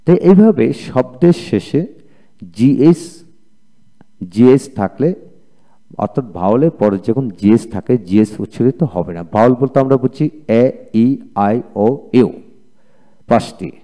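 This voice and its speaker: A man's voice: medium pitch, slow pace, pauses often, mellow. A man with a Bengali accent teaching English pronunciation, reading word lists and repeating each word twice. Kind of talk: slow drill-style vocabulary lesson.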